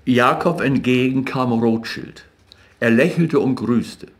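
A man reading literary fiction aloud as an audiobook narrator in a measured, even way. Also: medium pitch.

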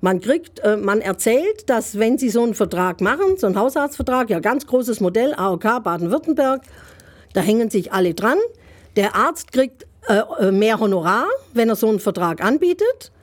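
A woman's voice: a little high, very animated, normal speed. A middle-aged woman giving an interview as an author, speaking emphatically and indignantly, with many rhetorical questions. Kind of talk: interview answers.

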